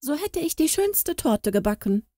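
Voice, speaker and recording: A woman's voice: medium pitch, lively intonation, unhurried, warm tone, no room sound, studio quality, voice pushed up. A woman voicing a hypocritical housewife who gushes with sugary, overdone politeness in a storybook. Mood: gushing. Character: scheming hypocritical housewife, gushing and false.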